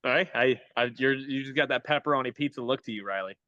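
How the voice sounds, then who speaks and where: A man's voice: mid-range voice, quick pace, sharp tone, no room sound, muffled recording. A young adult man, a hitting coach, talking as a guest in a casual interview, upbeat and motivational. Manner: upbeat, motivational, pep-talk phrasing.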